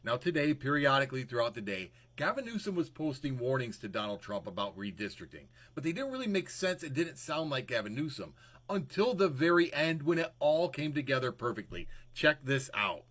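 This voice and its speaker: Brief: male political commentator, mocking and excited, mid-pitched. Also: fairly quick. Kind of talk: reaction commentary.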